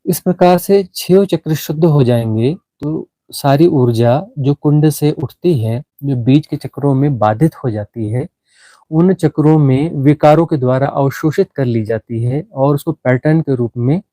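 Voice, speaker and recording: A man teaching a guided meditation, explaining slowly with frequent restarts and fillers. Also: mid-range voice, mellow, dry recording, low-quality recording.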